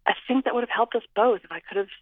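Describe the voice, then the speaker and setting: A woman's voice: on the high side, rapid-fire, no echo. A woman in her forties, speaking candidly and self-deprecatingly in a phone interview. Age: 40s. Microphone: telephone. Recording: tinny phone line.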